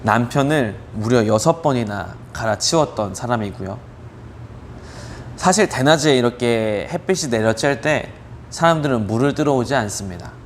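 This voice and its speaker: A man's voice: medium pitch, a little hiss or hum. Conversational man preaching to teens. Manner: conversational, explaining with rhetorical questions; frequent hesitation fillers. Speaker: youth ministry pastor. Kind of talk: youth sermon, retelling a Bible story.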